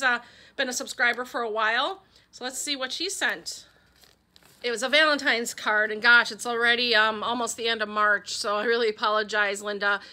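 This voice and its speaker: Middle-aged woman vlogger from Wisconsin, high and bright voice, gushing casual chat. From Wisconsin, USA. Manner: gushing, chatty, talks to her pet. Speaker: vlogger opening fan mail.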